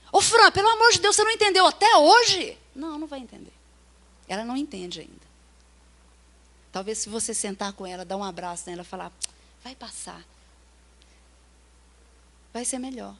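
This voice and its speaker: A woman's voice: high-pitched, a bit bright. A woman with a Brazilian Portuguese accent giving a chatty sermon at a retreat, often checking in with her listeners and acting out little quoted voices. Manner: chatty, keeps checking in with the audience. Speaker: preacher at a workers' retreat. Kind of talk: conversational sermon.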